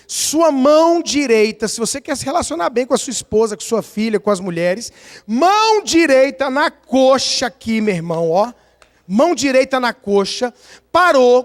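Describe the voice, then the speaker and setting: High-voiced Brazilian pastor in a reverberant church. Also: male voice. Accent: Brazilian Portuguese. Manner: animated storytelling, acting out scenes and counting aloud. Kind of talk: sermon. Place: church sanctuary. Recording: long church-hall reverb.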